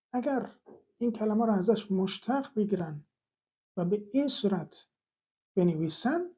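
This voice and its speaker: Mellow-voiced woman teaching a language lesson. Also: medium pitch, breathy edge, lo-fi sound. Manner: explanatory, rhetorical questions, slow repeated example words. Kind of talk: recorded video lesson.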